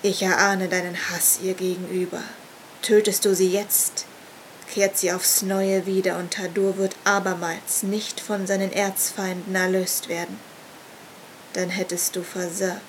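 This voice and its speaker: Old sinister seer leading a cult, read by a woman slow and even, cold and knowing. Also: fairly low pitch, a little hiss or hum, lightly acted, poor audio. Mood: warning. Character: old scarred male cult leader and seer.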